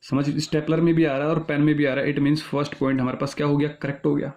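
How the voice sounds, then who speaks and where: A man's voice: fairly high pitch, little pitch movement, darkish tone. A male teacher, explaining exam logic step by step in an online lesson. He often checks whether students are following. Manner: reads statements slowly, then explains quickly.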